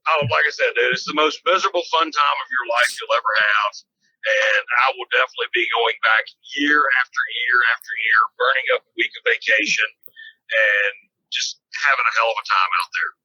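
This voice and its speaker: A man with a harsh, raspy, hoarse voice chatting casually and animatedly, slangy and sweary, telling stories. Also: medium pitch, wildly swooping pitch, fairly quick, bright, forceful tone, lo-fi sound. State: hoarse from desert dust. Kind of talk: casual storytelling chat.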